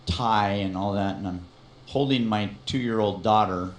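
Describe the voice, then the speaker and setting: A man's voice: on the low side, unhurried, roomy sound, a little hiss or hum. A man co-hosting a casual chat, telling a joking anecdote in an easygoing way. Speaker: podcast co-host.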